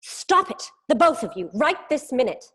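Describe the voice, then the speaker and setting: An actress playing a quiet, polite, wistful schoolteacher in a period drama screenplay reading. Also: female voice, on the high side, moderate pace, natural voice. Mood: firm.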